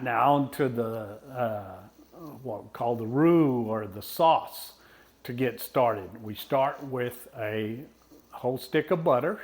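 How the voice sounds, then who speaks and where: A man in his sixties speaks with a West Texas twang at a slow pace. His medium-pitched voice has a folksy, unscripted manner, pausing often as he walks through a cooking demonstration. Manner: folksy, unhurried, with pauses. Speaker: home cook presenting a recipe.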